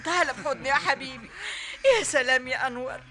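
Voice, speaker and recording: A fervent mother talks quickly in a high Egyptian voice. Clear music plays under her in this vintage radio drama. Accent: Egyptian Arabic. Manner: fervent, warm. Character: older loving mother, tearful with joy.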